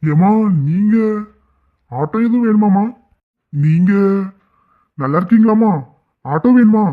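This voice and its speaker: A man's voice: sits high, lively intonation, unhurried. A man voicing a tearful humble father. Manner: humble, emotional. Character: humble middle-aged father, an auto driver, tearful and grateful. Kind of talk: cartoon voice acting. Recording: tinny phone-like audio.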